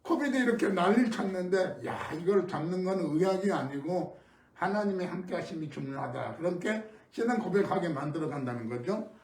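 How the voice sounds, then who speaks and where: A middle-aged man from Korea preaching an early-morning sermon as pastor, telling stories in a conversational way with sudden loud emphases. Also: high-pitched, animated, a little fast. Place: church sanctuary. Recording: echoey room, mic at a distance.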